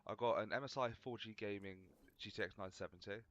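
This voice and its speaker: A man's voice: fairly low pitch, quick pace, fairly bright tone, muffled recording. A young man rambling casually through gameplay commentary, swearing freely as he chats. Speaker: gaming channel host.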